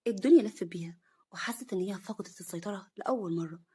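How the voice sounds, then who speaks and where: A woman storyteller with an Egyptian Arabic accent reads a family drama at a brisk pace. Her mid-pitched voice has a husky, breathy grain, and she reads in a dramatic way. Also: mellow. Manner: quick, dramatic reading.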